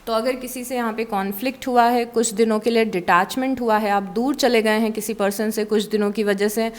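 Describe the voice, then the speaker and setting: A woman giving a casual tarot reading to camera, chatty and mixing English words into her Hindi, with frequent fillers. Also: fairly high pitch. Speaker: tarot reader.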